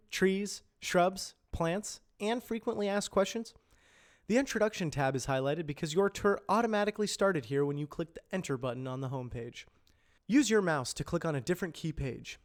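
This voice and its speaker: Practising reads as an amateur voice actor, a man with a fairly high voice narrates scripted informational content. His delivery is animated yet measured, like a presenter, with careful enunciation suited to an educational voice-over.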